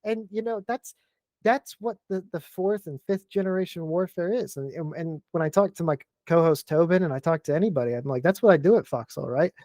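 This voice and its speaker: A man's voice: a little high, fairly quick, darkish tone, no room sound. A man guest on a podcast, ranting in a fired-up, heavily profane casual chat.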